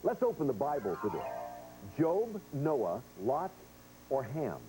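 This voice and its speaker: A man's voice: mid-range voice, wildly swooping pitch, unhurried, over music, poor audio. A man hosting a game show, chatting directly to players and viewers as he explains rules and reads quiz questions. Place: television studio.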